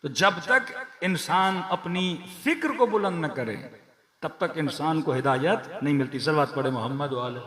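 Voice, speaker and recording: The echoey recording, with crowd noise, captures a Shia preacher with a Pakistani Urdu accent addressing a congregation in a large prayer hall. His majlis sermon is declamatory, built on rhetorical questions and rhythmic repeated lists, spoken in a fairly high, slightly bright voice with lively intonation at a somewhat slow pace.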